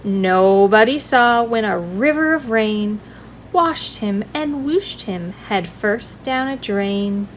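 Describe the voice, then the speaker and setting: In a rough recording with slight background noise, a woman with a mid-range voice leads a children's library storytime. She reads a rhyming picture book aloud slowly and animatedly, addressing the small children in a friendly, sing-song way.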